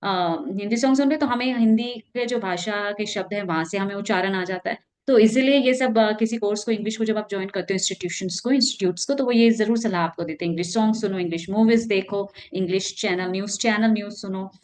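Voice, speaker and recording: Woman, teacher, vocabulary lesson, middle pitch, patient, chatty, slow careful reading of definitions. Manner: explains patiently, mixes Hindi and English, reads definitions slowly. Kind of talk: casual Hindi-English explanation lesson.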